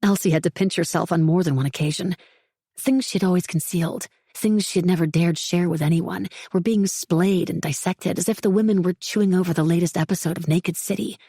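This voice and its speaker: A woman reading a thriller audiobook in a measured, even narration. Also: fairly low pitch, husky, dry recording, studio quality.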